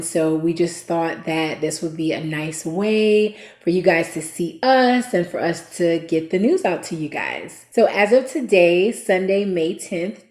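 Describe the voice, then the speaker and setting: A woman's voice: fairly low pitch, a little mellow. Earnest young woman, roomy sound. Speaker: vlogger sharing family news. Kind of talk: casual chat to camera. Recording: roomy echo.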